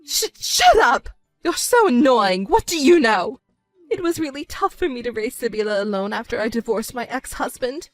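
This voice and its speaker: This is a selfish middle-aged stepmother voiced by a woman, her voice high and shrill with wide, wailing swings. She whines and manipulates in a dramatized story. The sound is dry and close, with faint music underneath. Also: animated, a little fast, hardly any pauses, no echo, close to an everyday voice. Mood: indignant.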